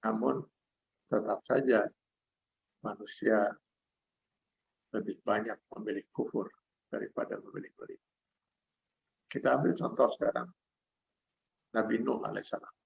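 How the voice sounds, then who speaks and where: An older male preacher with an Indonesian accent and a deep, heavily gravelly voice. He recites Arabic verses and then explains them. It comes through as dull, lo-fi video call audio. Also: steady tone, normal speed, pauses often. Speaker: Islamic preacher. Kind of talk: sermon over video call.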